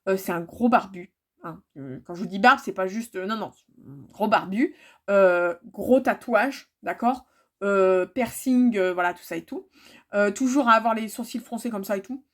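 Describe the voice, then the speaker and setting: A woman's voice: mid-range voice, normal speed. A woman chatting casually to her viewers about her cross-stitch projects, full of fillers and repeated words.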